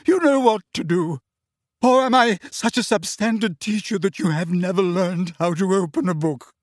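A man voicing an insulted middle-aged witch seer, high-pitched and wavering, dramatic and self-pitying. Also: moderate pace, dry recording, studio quality, natural voice. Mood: shrill.

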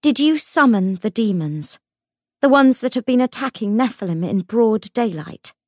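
A woman's voice: high-pitched, huge pitch swings, a little slow, a little mellow, no room sound, clean studio sound, voice pushed up, heavily acted. A woman voicing a fierce young woman shadow hunter who demands answers in an urgent, raised voice. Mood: demanding.

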